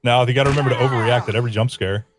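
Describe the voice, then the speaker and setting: A co-host on a live stream chats casually over gameplay, joking around, laughing a lot and slipping into silly voices. His voice is medium-pitched and steady in tone, though he talks at a racing clip, with faint music in the background.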